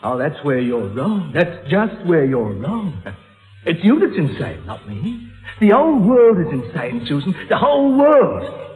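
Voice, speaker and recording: An actor playing a deranged, taunting killer, rambling and repetitive with a childish, volatile menace. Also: male voice, a little high, wildly swooping pitch, unhurried. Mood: insistent. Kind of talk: melodramatic film thriller acting. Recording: echoey hall, dull lo-fi, music behind.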